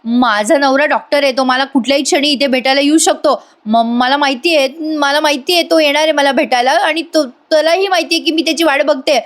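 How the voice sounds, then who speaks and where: A woman's voice: high voice, a little fast, hardly any pauses, pitched above the performer's own voice, lightly acted. A woman voicing a pleading young prisoner wife. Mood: insistent. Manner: pleading, repeating herself, stammering. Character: desperate young woman prisoner longing for her husband.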